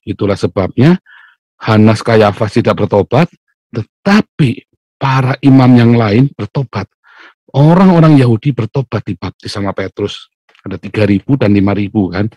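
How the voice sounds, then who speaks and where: A male pastor delivers a morning devotional sermon in a fairly low voice. He preaches animatedly, throwing himself into quoted lines and chuckling along the way. The sound is dry and close, with almost no room echo. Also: normal speed, breathy edge. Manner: animated, acts out quotes loudly, laughs often.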